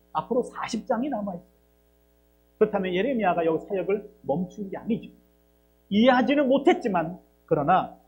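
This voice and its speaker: A man's voice: high-pitched, a little mellow, a little hiss or hum, poor audio. A man preaching a sermon as pastor, acting out dialogue and asking rhetorical questions. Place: church.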